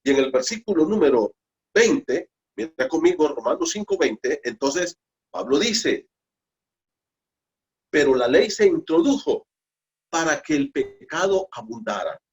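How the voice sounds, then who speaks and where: A man's voice: on the high side, sing-song, measured pace, a little mellow. A man preaching a Bible study sermon, emphatic, repeating phrases and asking rhetorical questions. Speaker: pastor.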